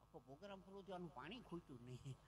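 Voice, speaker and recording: With slight background noise behind him, a man with a somewhat high voice races through his lines. He is a Gujarati-accented folk comedian on a live outdoor village stage with a PA, telling jokes and stories with lots of energy and acting out other people's voices.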